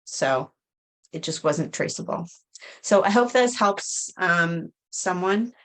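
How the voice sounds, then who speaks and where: Middle-aged woman, halting and frank. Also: fairly low pitch, expressive, a bit bright. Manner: hesitant, many fillers and restarts. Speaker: vlogger. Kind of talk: casual talk to camera.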